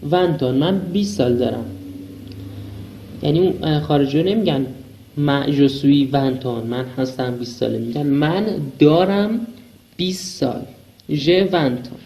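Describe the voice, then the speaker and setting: A man giving a recorded French lesson, slowly reading phrases and translating them word by word. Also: a little high, creaky, warm tone, poor audio. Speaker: French teacher.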